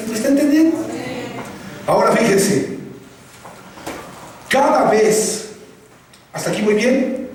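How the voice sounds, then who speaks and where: The sermon comes from a man with a very high voice, with a slight hiss or hum in the audio. He quizzes his congregation and asks them to repeat what he says, his voice distant in an echoey hall with faint ambience.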